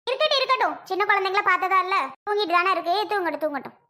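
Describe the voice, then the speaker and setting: A woman's voice: very high-pitched, animated, racing, pushed and bright, pitched above the performer's own voice, full character voice. A woman voicing an impatient sister-in-law in a cartoon, curt and dismissive. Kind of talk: cartoon voice acting.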